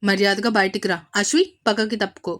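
A man's voice: high-pitched, fairly quick, natural voice. A woman voicing a hot-tempered, protective young man who scolds his friend and sister. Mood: angry. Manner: scolding, stern.

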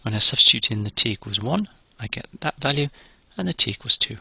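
A man's voice: medium pitch, lively intonation, quick pace, gravelly, slightly rough, no room sound, muffled recording. A man giving a recorded engineering lecture, explaining each step methodically.

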